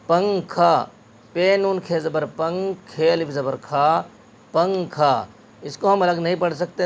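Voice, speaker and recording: A man, teaching a spelling lesson and sounding words out slowly, syllable by syllable. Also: on the high side, gravelly, a little hiss or hum. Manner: slow, syllable-by-syllable spelling drills.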